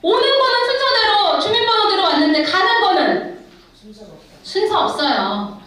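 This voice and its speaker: A middle-aged woman missionary preaches an emphatic testimony sermon in a church sanctuary, exhorting the congregation directly. Her voice is very high-pitched, fairly bright and sing-song, at a moderate pace. The recording is echoey, captured from far away in the hall.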